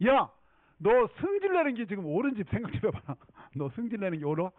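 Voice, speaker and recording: God scolds a sulking prophet like a patient parent, talking down to him as if to a child, voiced by a man retelling the story. The pitch sits high and swings widely. It sounds thin and phone-like, with no room echo. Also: big pitch swings, brisk. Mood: chiding. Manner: plain chiding, talking down to a child. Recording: tinny phone-like dry sound.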